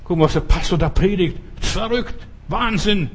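A man's voice: high voice, expressive, a little fast, slightly rough, pitched above the performer's own voice. A man voicing a scoffing male skeptic who mocks a preacher in an incredulous tone. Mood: mocking. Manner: incredulous, mocking.

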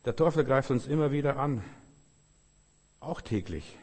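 A man's voice: medium pitch, expressive, a little slow, darkish tone, husky, big-room sound. A man preaching a sermon with emphatic repetition, often quoting scripture.

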